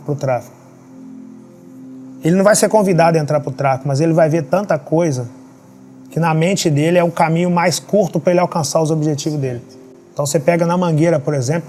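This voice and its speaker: Fast-talking man. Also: on the high side, mellow. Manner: emphatic, rhetorical questions. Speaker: podcast guest. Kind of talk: motivational storytelling. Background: faint background music.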